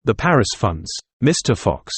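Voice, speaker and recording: Brief: wry middle-aged rebel raconteur, read by a man, lowish voice, dry booth. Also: very animated, moderate pace, slightly rough, no room sound, full character voice. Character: stubborn middle-aged Irish nationalist man telling a tale.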